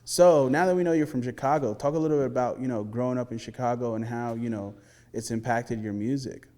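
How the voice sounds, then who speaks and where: A male interviewer speaks easily at a mid pitch, stringing his questions together with casual fillers. His voice carries a long, roomy reverb. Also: fast. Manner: relaxed, many "you know" fillers.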